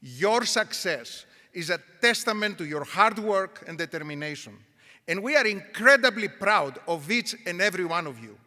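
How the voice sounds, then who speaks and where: A woman's voice: fairly low pitch, expressive, bright, forceful tone. Woman giving a formal commencement address. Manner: measured, formal delivery. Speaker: university provost. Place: large auditorium. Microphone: podium microphone. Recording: auditorium with long reverb.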